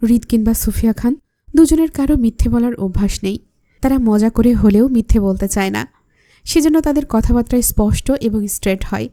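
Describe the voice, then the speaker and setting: A woman narrating a romantic story in an even, scripted storytelling voice. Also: fairly high pitch, fairly quick, no echo, clean studio sound.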